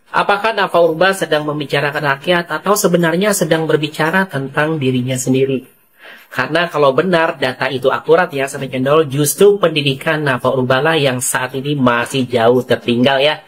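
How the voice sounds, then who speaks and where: A narrator reading scripted gossip news commentary, rhetorical and addressing viewers directly. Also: mid-range voice.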